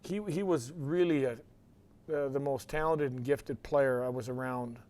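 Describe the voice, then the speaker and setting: A former hockey player praising an old teammate in halting, admiring speech. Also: male voice, mid-range voice, fairly even intonation, dark tone. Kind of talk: reminiscing interview.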